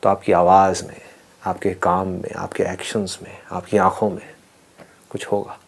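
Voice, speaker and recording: A man leading a live motivational session for students, animated and playful, often asking the audience questions. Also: deep voice, moderate pace, creaky, slightly rough. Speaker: motivational speaker.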